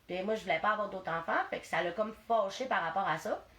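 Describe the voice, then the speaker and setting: A woman with a Quebec French accent, a mother being interviewed, speaking hesitantly and softly. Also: mid-range voice, quick pace. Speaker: interview guest. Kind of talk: casual interview. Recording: echoey room, faint noise.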